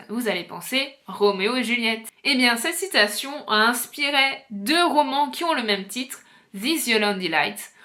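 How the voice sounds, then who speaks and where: A woman novelist hosting a book video, explaining things clearly with occasional hesitant fillers. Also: on the high side, pushed and bright. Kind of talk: informative book-talk video.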